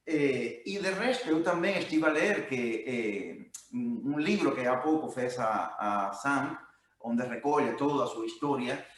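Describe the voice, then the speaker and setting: A man from Cuba with a Cuban Spanish accent, a native Spanish speaker mixing Portuguese and Spanish haltingly as he gives an informal talk. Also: medium pitch. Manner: halting, searching for words. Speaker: project musician speaking at a talk. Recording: very echoey room.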